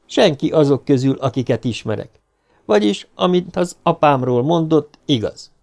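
A man's voice: fairly high pitch, expressive, gravelly, darkish tone. A man reading an audiobook, voicing an agitated, grieving young man in his twenties. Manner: pleading, heated outbursts.

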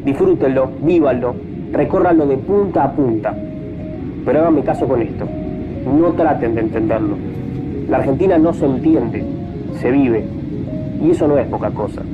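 A man's voice: medium pitch, normal speed, pauses often. A man playing an airline pilot who gives a formal, wry and proud cockpit announcement over the cabin speaker. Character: male airline pilot addressing passengers. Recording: tinny phone-like speaker with music behind. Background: music.

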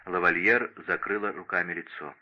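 A man reading a classic novel aloud as narrator in a measured, literary manner. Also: sits low, lo-fi sound. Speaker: audiobook narrator. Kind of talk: scripted narration.

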